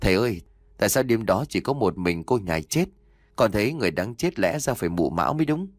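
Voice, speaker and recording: A man's voice: on the low side, big pitch swings, quick pace, dry recording, studio quality. A man voicing a curious young male disciple who keeps asking his master questions.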